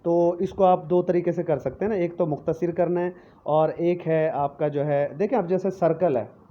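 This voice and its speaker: A man teaching English vocabulary in a recorded lecture, explaining each word slowly with many repetitions and frequent check-ins. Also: a little high, fairly even intonation. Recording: dull lo-fi lecture recording with faint noise.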